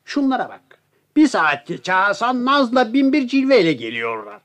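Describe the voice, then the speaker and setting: A blustering freeloading gambler. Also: male voice, very high voice, sing-song, moderate pace, full character voice. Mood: smug. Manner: blustering, shouting for service. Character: greedy, rude male parasite guest, a gambler. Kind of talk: radio play acting.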